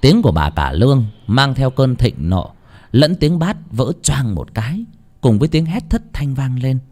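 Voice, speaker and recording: A man narrating a ghost story in a dramatic, expressive way, moving between hushed and forceful. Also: mid-range voice, normal speed.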